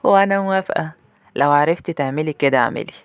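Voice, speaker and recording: A woman voicing a sly, unsettling housemaid who answers calmly and curtly. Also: low voice, quick pace, clear, resonant tone, dry recording. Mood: smug.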